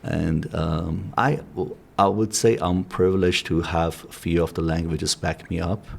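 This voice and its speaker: A man's voice: deep voice, fairly even intonation, a little slow, creaky. A middle-aged man from Iran, a native Armenian speaker, talking earnestly and reflectively as an interview guest, with fillers and restarts. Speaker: guest, company CEO. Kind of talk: interview conversation.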